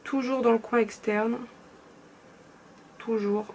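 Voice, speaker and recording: A woman's voice: on the high side, steady tone, slow, a little mellow, a little hiss or hum. A young woman from France chatting casually through a makeup tutorial, often trailing off into murmurs. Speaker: beauty vlogger.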